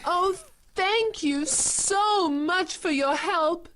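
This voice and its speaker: A woman playing a sugary, gushing damsel in a video game, with stilted, slow delivery. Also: very high voice, a bit bright, slight background noise, exaggerated voice. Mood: grateful, gushing.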